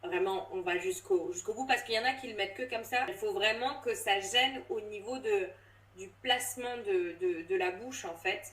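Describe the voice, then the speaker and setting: A woman's voice: mid-range voice, moderate pace, fairly bright tone. Woman in her thirties, roomy distant sound. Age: 30s. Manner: hesitant, many fillers and restarts. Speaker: voice coach and drama teacher. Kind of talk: casual interview explanation.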